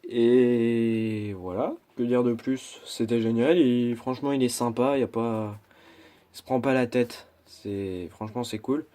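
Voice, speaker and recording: Chatty man with a mellow voice. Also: mid-range voice, steady tone, a little slow. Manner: chatty, hesitant, full of restarts and asides. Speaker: YouTuber. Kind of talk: casual unboxing chat.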